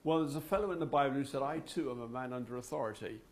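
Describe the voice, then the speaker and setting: A man giving a personal testimony to a men's group, telling his story slowly and dramatically with long pauses. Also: mid-range voice, slight background noise. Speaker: speaker at a men's fellowship meeting.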